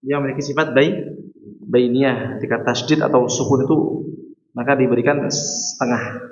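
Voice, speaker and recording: A man's voice: medium pitch, steady tone. Male recitation teacher from Indonesia, chant-and-explain style, roomy and muffled mosque sound. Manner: alternates melodic chanted recitation with quick explanations. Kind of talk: tajwid lesson with chanted recitation. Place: mosque hall. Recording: muffled, echoey mosque hall.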